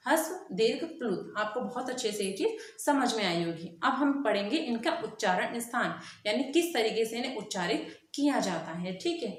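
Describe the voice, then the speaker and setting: A woman teacher giving an exam-prep grammar lesson. She asks her own questions, answers them, and draws vowel sounds out slowly. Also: fairly high pitch. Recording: echoey room.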